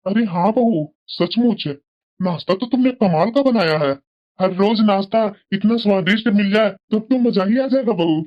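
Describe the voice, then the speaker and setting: A woman's voice: mid-range voice, moderate pace, lo-fi sound, voice pushed down, close to an everyday voice. A woman voicing a cheerful older father-in-law in a cartoon, praising the food heartily. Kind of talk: cartoon voice acting.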